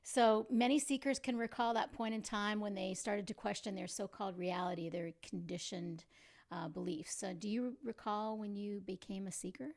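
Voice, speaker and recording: A woman's voice: mid-range voice, fairly even intonation, moderate pace, darkish tone. A woman hosting a podcast, talking casually as she introduces and interviews. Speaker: podcast host.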